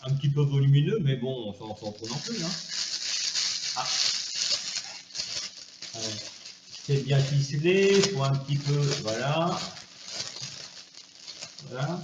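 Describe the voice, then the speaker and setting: A man rambling through a comedic vlog, full of fillers and restarts, sometimes switching to high cooing baby talk. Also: lively intonation, takes it slowly, pauses often, reverberant, dull audio, heavy background noise. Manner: hesitant, many fillers and restarts. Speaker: vlogger. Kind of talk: improvised comedic monologue.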